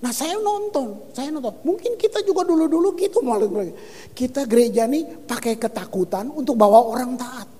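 A man preaching a lively sermon as pastor, reading scripture and exclaiming. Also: extremely high pitch, normal speed, in a large hall. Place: church hall.

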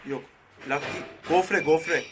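A man's voice: a little high, unhurried, slight background noise. A man co-hosting a radio show, riffing playfully and trading jokes with his partner. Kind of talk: casual comedic radio banter.

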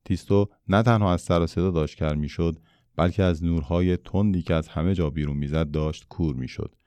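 Deep, resonant male storyteller. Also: steady tone, a little mellow, clear, resonant tone, no room sound. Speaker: narrator. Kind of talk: storybook reading.

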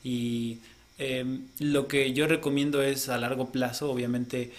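A man's voice: mid-range voice, level tone, measured pace. A man co-hosting a casual podcast, explaining at length and often ending points with a questioning tag. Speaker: podcast co-host.

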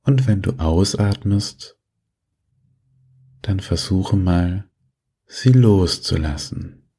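A man guiding a sleep meditation in a soft, breathy voice, giving gentle, soothing instructions with long pauses. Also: sits low. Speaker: meditation guide.

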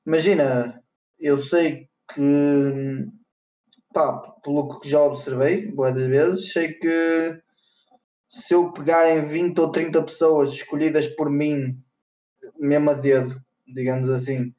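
A man's voice: a little high, fairly even intonation, takes it slowly, dark tone. Young Portuguese man in a roomy recording. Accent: European Portuguese. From northern Portugal. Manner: informal, slangy, with English words mixed in. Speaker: rapper being interviewed. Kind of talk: casual slangy chat. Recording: roomy, slightly dull lo-fi sound.

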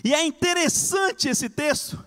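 Preacher dude, high voice, fired up sermon, long echoey hall. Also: male voice, unhurried. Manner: fervent, swings between loud and hushed.

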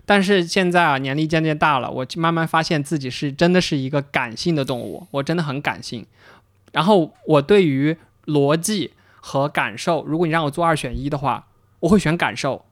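A man's voice: a little high, brisk, dry recording, studio quality. A man co-hosting a casual podcast conversation, talking through his own path in a reflective, storytelling way with some repeated words. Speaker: podcast co-host, interaction designer. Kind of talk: casual chat.

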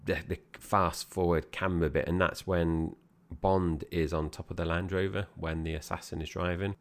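A man's voice: sits low, level tone, normal speed. A man co-hosting a podcast, chatting casually about a film and addressing his co-host directly. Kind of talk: casual film review chat.

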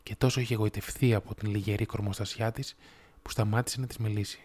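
A man reading a fairy tale aloud in a measured, steady storytelling manner. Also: fairly low pitch, slightly rough. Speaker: audiobook narrator.

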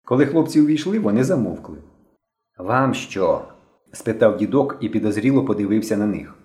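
Male audiobook narrator, expressive, mellow tone, roomy echo. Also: fairly low pitch, quick pace. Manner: expressive storytelling.

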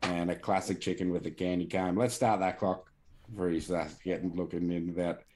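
A man's voice: sits low, level tone, a little fast, background noise. A man hosting a podcast in casual chat, swearing and laughing through banter. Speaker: podcast host.

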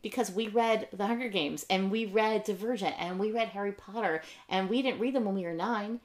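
A woman in her thirties co-hosting a casual podcast chat about books, enthusiastic and chatty with quick asides. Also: medium pitch. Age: 30s. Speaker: podcast co-host.

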